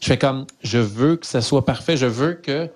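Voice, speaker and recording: A man's voice: medium pitch, normal speed. A middle-aged man with a Québécois accent, a comedian chatting candidly as a podcast guest and poking fun at himself. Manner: candid, self-mocking, lively retelling. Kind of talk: casual podcast conversation.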